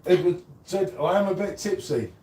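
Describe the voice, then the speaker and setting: A man around fifty runs a casual live-stream chat, teasing and rambling along. His voice sits high for a man and swings widely in pitch. He is picked up from a distance in an echoey room with a faint hum behind. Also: lively intonation, moderate pace, warm tone. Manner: teasing, rambling, chatty, says "mate" often. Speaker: co-host of live beer review stream. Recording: roomy, off-mic, faint background hum.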